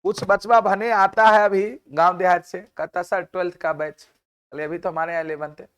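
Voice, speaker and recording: A man's voice: sits high, flat delivery, fairly quick, a bit bright, smooth. A male math teacher with a Bihari Hindi accent, lecturing a class and chatting, scolding and asking rhetorical questions. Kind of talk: classroom lecture with side talk.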